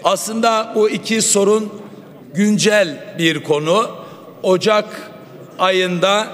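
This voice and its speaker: A man addressing parliament from the rostrum microphone. He delivers a formal speech in a measured, oratorical manner with pointed appeals. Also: high voice, fairly bright tone. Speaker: member of parliament. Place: at the speaker's rostrum microphone in a large assembly hall. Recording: long reverb of a large hall.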